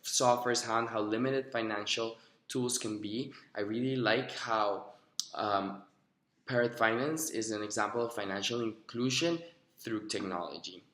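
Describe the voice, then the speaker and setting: A man's voice: fairly low pitch, measured pace, a bit bright, roomy sound. Earnest young man from Rica. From Costa Rica. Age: young adult. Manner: earnest, rehearsed, with fillers. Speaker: job applicant. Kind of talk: recorded video interview answers. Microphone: recorded himself on video.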